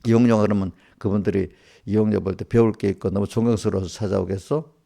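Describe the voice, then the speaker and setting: Gravelly low-voiced Korean pastor scolding. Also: male voice, fairly even intonation, fast, warm tone. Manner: scolding, asks one rhetorical question after another. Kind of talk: small-group sermon addressing congregants directly.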